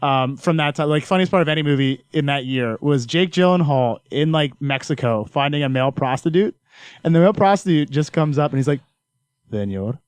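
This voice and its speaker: A man's voice: on the high side, brisk, clean tone, no echo. A man hosting a podcast, ranting and laughing in casual chat. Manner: loud, rants and laughs. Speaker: podcast host.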